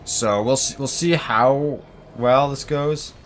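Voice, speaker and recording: A man's voice: medium pitch, slow, slight background noise. A young man narrating his own gameplay, venting and exasperated, rambling with lots of filler words. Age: young adult. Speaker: gaming channel host. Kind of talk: let's play commentary.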